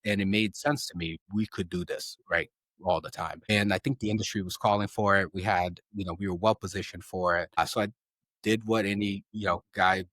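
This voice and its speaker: A man in his thirties, raised in Brazil, telling his story in a casual interview, energetic, often adding "right?" and repeating words. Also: low-pitched, brisk, no room sound. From Southeast Brazil. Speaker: guest.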